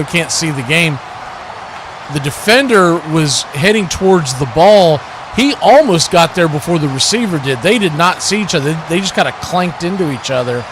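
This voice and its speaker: Against a noisy background, a man with a slightly high voice hosts a watch party and calls American football play-by-play live, his clipped running commentary rising when the action picks up.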